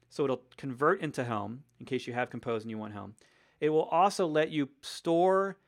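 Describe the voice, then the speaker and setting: Enthusiastic man hosting a live tech Q&A. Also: medium pitch. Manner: enthusiastic, explanatory, many fillers. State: losing his voice. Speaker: host of a live Q&A stream. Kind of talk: live stream Q&A, casual explaining.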